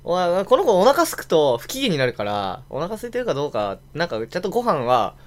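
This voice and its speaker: A man's voice: a little high, fairly quick. A young man co-hosting a casual podcast, telling an anecdote and acting out quotes with energy. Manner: animated storytelling, acts out quotes loudly. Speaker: podcast co-host. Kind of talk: casual chat.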